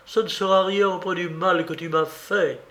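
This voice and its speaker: A man's voice: high-pitched, fairly even intonation, normal speed, gravelly, fairly bright tone, pitched above the performer's own voice. A man reading a storybook who voices a wounded, betrayed mistress of the house, accusing and reproachful. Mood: bitter reproach.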